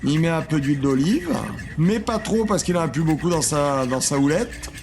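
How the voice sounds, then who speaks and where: Host reacting to cooking clips, slightly high gravelly voice, dry sarcasm, mutters asides under his breath. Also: expressive, normal speed, noisy background. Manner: sarcastic, self-mocking, trails off into quiet muttered asides. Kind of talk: casual reaction commentary.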